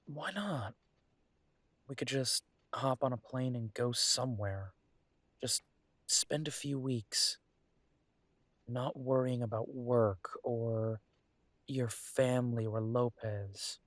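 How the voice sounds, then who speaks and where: In an intimate audio drama, a man plays a werewolf detective who is affectionate yet world-weary, speaking softly and coaxingly and pausing thoughtfully. The recording has no room sound, and his medium-pitched delivery is lightly acted.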